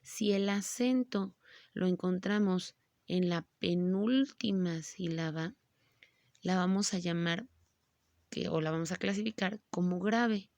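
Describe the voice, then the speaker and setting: A woman teacher giving a grammar lesson, speaking slowly and patiently and stretching words out syllable by syllable. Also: lowish voice, darkish tone, no echo.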